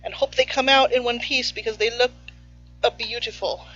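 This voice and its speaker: A woman's voice: a little high, steady tone, moderate pace, fairly bright tone. A woman hosting a casual cooking stream in a home kitchen, chatty and playful, sometimes talking with her mouth full. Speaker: baking show host. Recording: slightly muffled, faint music behind.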